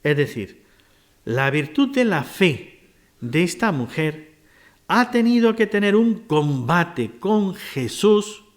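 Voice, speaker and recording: A man preaching a sermon, retelling scripture stories and asking his listeners rhetorical questions. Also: on the high side.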